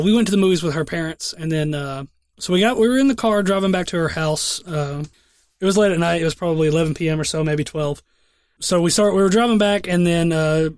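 Young man, podcast co-host, profane rambling storyteller, high pitch, dry close mic. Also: dry recording. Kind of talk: casual crude chat.

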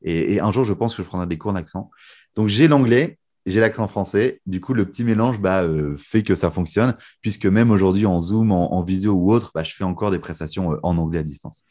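A man's voice: low-pitched, a little fast. A young man from France in his twenties, a guest magician talking casually in an interview, with loose fillers and restarts. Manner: relaxed, many fillers and restarts.

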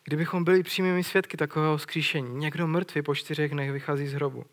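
A man's voice: fairly high pitch, fairly even intonation. A man preaching a sermon in an earnest way, retelling a scripture story and putting questions to his listeners.

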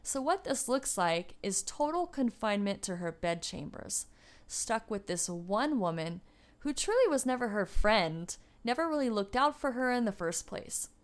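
A woman hosting a podcast, narrating history from a script with expressive storytelling and wry asides. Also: fairly high pitch, moderate pace. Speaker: podcast host.

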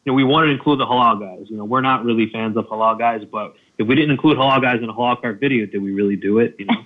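A man chatting casually as a guest about food vlogging, relaxed and laughing often. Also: medium pitch, rapid-fire. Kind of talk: casual chat. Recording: tinny phone-like line.

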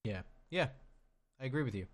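A man co-hosting a casual sports podcast, measured and hedging, with many fillers and restarts. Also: mid-range voice, animated. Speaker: podcast co-host.

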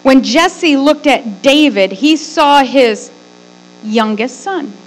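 A middle-aged woman preaches conversationally as a pastor, her high-pitched voice carrying lively intonation at a slow pace. Her delivery is emphatic and folksy, full of rhetorical questions, repeated phrases and acted-out asides. The recording is rough.

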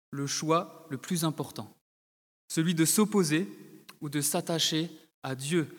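A male preacher giving a sermon to his congregation, talking directly to them with frequent hesitations and repeated words. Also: on the high side. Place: church hall. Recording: long hall reverb.

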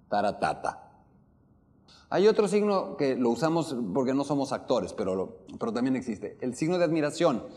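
A man with a Mexican accent giving a lively talk to a live audience, questioning listeners and acting out the melody of speech. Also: mid-range voice. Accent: Mexican Spanish. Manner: animated, questions the audience, demonstrates intonation. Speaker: opera workshop lecturer.

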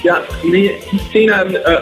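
A man's voice: high voice, fairly even intonation, takes it slowly, a bit bright, faint music behind, low-quality recording. A man with an Achterhoek accent from the eastern Netherlands, calling in from a train, giving short, laid-back replies. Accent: eastern Dutch, Achterhoek. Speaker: guest caller.

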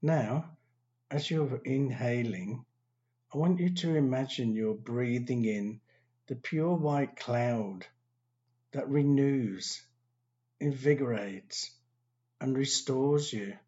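A man guiding a meditation, giving slow, calm, soothing instructions with long pauses. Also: mid-range voice, muffled recording. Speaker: meditation teacher. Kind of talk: guided meditation.

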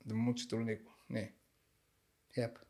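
A man's voice: mid-range voice, monotone, darkish tone. A young man from Finland talking casually in slang, sprinkling in English phrases and many fillers. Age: young adult. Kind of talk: casual conversation.

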